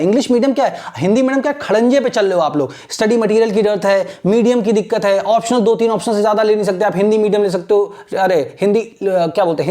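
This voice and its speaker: A man teaching a casual spoken lesson in a chatty, encouraging way. He keeps checking in with the listener and slows right down when he spells out English words. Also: high voice, mellow. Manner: urging, motivational.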